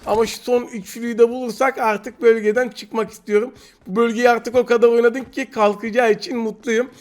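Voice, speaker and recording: A young man giving excited gameplay commentary, teasing and trash-talking his opponents. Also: extremely high pitch, brisk. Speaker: mobile game streamer. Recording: noisy game audio with gunfire. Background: gunfire and game sounds.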